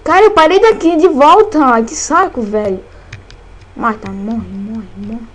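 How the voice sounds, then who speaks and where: A woman with a Brazilian Portuguese accent, excitedly commentating her own gameplay, cursing and shrieking at every scare. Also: a little high, unhurried, rough recording. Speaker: gameplay channel host.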